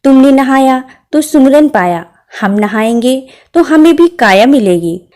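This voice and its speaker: A woman's voice: high voice, expressive, measured pace, darkish tone. A woman voicing a poor man with leprosy in a folk tale, giving a light, amused retort.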